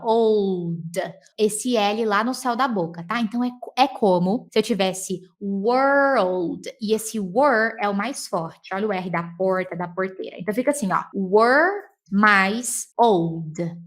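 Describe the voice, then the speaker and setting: Brazilian woman English teacher, chatty and encouraging, drawls out example words slowly, tag questions throughout. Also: fairly high pitch. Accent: Brazilian Portuguese. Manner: chatty, tags lines with "tá?", slows to model words. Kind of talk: explaining English vocabulary and pronunciation.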